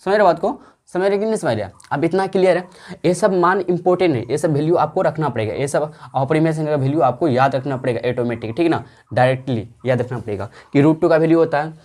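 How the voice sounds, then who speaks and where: With a deep voice and darkish tone, a woman lectures on maths online. She takes her time explaining, repeats herself frequently, uses many fillers, and answers her own check-in questions.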